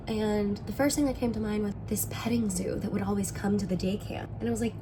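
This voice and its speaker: A young woman with vocal fry and a sore throat talks in a casual, slangy vlog style, often dropping in "like". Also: mid-range voice, background noise. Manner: informal, slangy, frequent "like". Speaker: vlogger, musician and sketch writing student.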